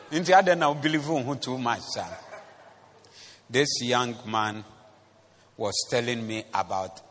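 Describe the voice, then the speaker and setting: Animated preacher in a ringing hall. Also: male voice, mid-range voice, breathy edge. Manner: animated, teasing, talks straight to the congregation. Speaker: pastor. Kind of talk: sermon. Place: church. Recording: long reverb of a church hall.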